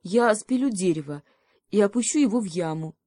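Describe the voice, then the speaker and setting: A woman's voice: medium pitch, expressive, fairly quick, mellow, no room sound, clean studio sound, close to an everyday voice. A woman voicing a young male beaver, a loyal friend who speaks in a pleading, heartfelt way, in a storybook reading. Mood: tender, pleading.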